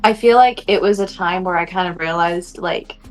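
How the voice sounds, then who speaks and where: A woman's voice: on the low side, moderate pace, faint music behind. A young woman, a student, talking candidly and chattily in an interview. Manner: candid, chatty with many likes. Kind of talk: casual interview answer.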